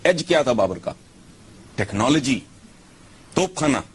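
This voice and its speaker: A man's voice: mid-range voice, big pitch swings, measured pace, husky. A man giving scornful opinion commentary, lecturing with rhetorical questions.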